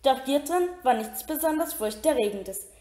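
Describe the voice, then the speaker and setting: A woman reading a children's novel aloud in a steady storytelling manner, with occasional slips and restarts. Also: high voice, normal speed. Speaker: reader. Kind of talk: amateur audiobook reading. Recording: roomy echo.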